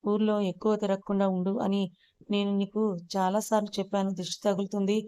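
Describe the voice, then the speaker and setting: A woman's voice: mid-range voice, little pitch movement, fairly quick, mellow, smooth, lightly acted. A woman voicing a fussy, doting old grandmother in an audio story, scolding and affectionate. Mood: fussing.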